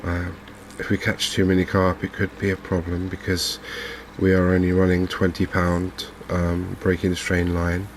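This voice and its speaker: With a low voice and an English accent, a man from England hosts a gaming video, murmuring hesitant, leisurely ASMR-style remarks about the gameplay. The background noise is clear and steady.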